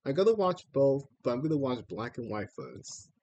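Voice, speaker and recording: A man's voice: medium pitch, sing-song, moderate pace, warm tone, dull audio, slight background noise. A man streamer giving casual live reaction commentary on trailers, repeating himself and exclaiming in mild slang.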